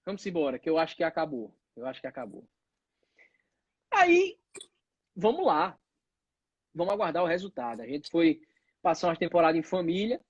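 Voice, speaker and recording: Animated man telling a story. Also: fairly high pitch, fairly quick, long pauses, husky, no echo, lo-fi sound. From Northeast Brazil. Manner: animated storyteller acting out quoted voices. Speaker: pediatrician guest. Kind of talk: storytelling in an interview.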